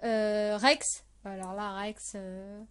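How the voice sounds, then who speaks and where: A woman's voice: medium pitch, little pitch movement, extremely slow, fairly bright tone, clean tone. A young woman hosting a casual podcast about the series she loves, hesitant and full of fillers and restarts. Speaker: podcast host.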